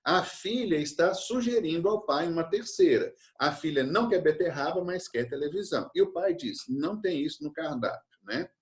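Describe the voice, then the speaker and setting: A man's voice: a little high, expressive, moderate pace, hardly any pauses. Man teaching a fathers' session. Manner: tells stories and acts out quoted lines.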